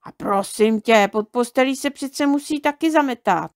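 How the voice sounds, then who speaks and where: A woman reading aloud, voicing a small boastful shorty boy who corrects others. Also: extremely high pitch. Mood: know-it-all.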